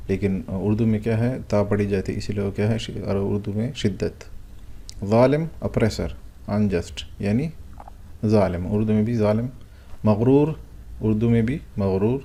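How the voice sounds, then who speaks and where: A man with a fairly low, mellow voice walks through vocabulary like a patient teacher. He hesitates often with drawn-out fillers before each explanation. He keeps asking a question aloud and then answering it himself. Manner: patient, asks and answers his own questions. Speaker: Arabic teacher. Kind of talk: vocabulary lesson, explaining words one by one.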